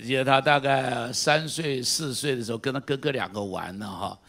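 A middle-aged man preaching a sermon as pastor, moving from quiet storytelling to shouted exhortation and firing questions at the congregation. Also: medium pitch, normal speed. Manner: asks the congregation repeated direct questions.

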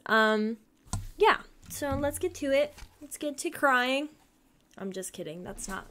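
A woman's voice: mid-range voice, a bit bright, slight background noise. A young adult woman hosting a casual reaction vlog, rambling with lots of ums and little laughs. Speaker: reaction video host.

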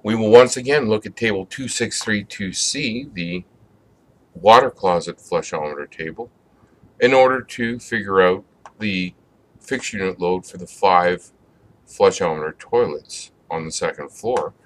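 A middle-aged man with a somewhat low voice narrates a plumbing lesson from a script. He explains each step methodically, at a measured and even pace, like an instructor walking students through a code book.

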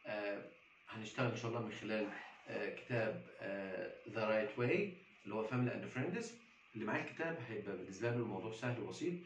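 A man with an Egyptian Arabic accent teaching English to children, repeating each word slowly and switching between Arabic explanations and English. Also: on the low side, a little hiss or hum. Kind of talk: classroom vocabulary lesson.

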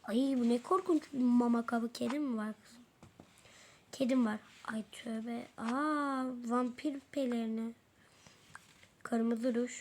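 A fussy middle-aged mother, played by a woman who keeps exclaiming and muttering in exasperation. Her voice sits high and bright. It is a homemade toy role-play story with faint background noise.

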